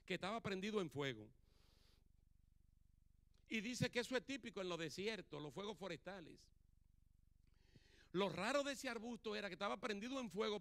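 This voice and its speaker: A man preaching from a church pulpit, his voice pitched high and bright. He acts out the lines of Bible scenes and keeps asking the congregation questions. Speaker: pastor. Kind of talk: sermon. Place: church sanctuary.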